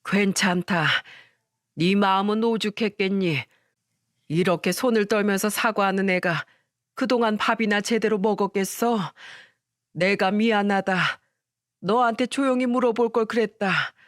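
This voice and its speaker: A narrator voicing a warm older father who consoles his daughter-in-law gently. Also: medium pitch, unhurried, dry recording, studio quality, lightly acted. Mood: consoling.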